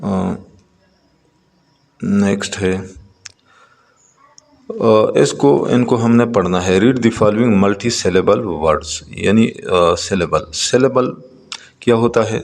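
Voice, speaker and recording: A man teaching a textbook lesson, reading English lines slowly and then explaining them, with frequent hesitant pauses. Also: on the low side, vocal fry, in a large hall.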